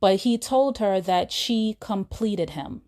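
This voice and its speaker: A woman walks through a film scene on her podcast in a relaxed, chatty storytelling style, adding asides for her listeners. She speaks slowly in a mid-range, slightly mellow voice.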